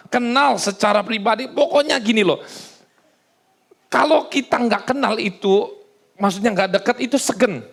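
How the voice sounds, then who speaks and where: High-pitched, gravelly-voiced male pastor. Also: fairly bright tone. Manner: casual, joking, conversational preaching. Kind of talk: sermon. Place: church service.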